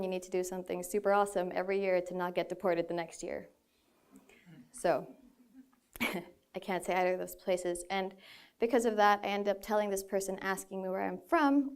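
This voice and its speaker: Speaking earnestly at a prepared stage talk in a large hall, a Filipina in her 20s uses a medium-pitched voice with a somewhat dark tone. She occasionally laughs lightly at herself along the way.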